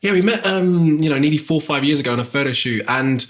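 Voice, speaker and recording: Fast-talking South London man. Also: a little high. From England. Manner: reflective, many fillers and restarts. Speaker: guest, graphic designer. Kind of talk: podcast interview.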